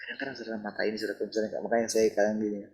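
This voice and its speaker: A man's voice: lowish voice, completely flat delivery, racing, slightly rough, rough recording. A man preaching a sermon in a conversational way, often turning to address his listeners directly.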